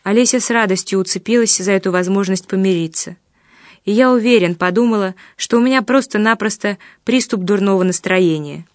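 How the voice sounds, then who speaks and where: A woman reading an audiobook in a steady, measured way. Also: mid-range voice, no room sound, studio quality. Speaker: narrator.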